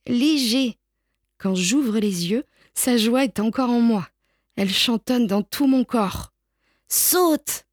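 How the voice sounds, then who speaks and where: A woman reading a picture book aloud in a gentle, deliberate way, pausing between short phrases. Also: medium pitch, dry recording, studio quality. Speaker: storybook reader.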